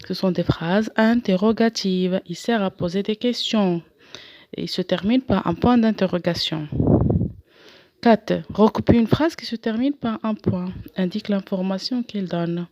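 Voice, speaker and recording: A woman's voice: medium pitch, unhurried, a little mellow. A woman teaching a grammar lesson, reading each exercise aloud and explaining it patiently, one step at a time. The recording sounds slightly muffled and lo-fi, with a dry, close sound and no room echo.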